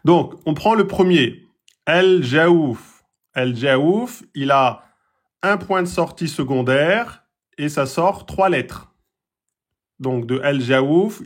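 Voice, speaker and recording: A man teaching pronunciation in a patient lesson, repeating points, checking with his students and sounding out vowels himself. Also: a little high. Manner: demonstrates vowel sounds aloud. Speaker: Quran recitation teacher. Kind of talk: slow, patient explanatory lesson.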